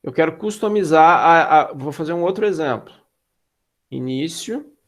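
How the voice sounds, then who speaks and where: A man with a slightly high voice teaching a classroom lesson on algorithms. He keeps it casual and relaxed, pauses often to check whether the students are following, and drops in slangy asides. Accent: Brazilian Portuguese. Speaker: instructor. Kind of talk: classroom lecture.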